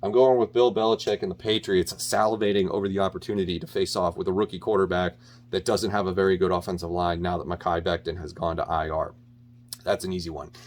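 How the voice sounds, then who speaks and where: A man with a low voice talks through his weekly football picks alone. His delivery is casual and opinionated, full of ums and restarts. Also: little pitch movement, fast, darkish tone. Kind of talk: casual solo sports picks talk.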